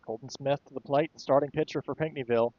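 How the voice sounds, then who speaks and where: A man doing relaxed, conversational play-by-play commentary for a baseball game, with occasional fillers. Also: mid-range voice, quick pace, no room sound, lo-fi sound. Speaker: play-by-play announcer.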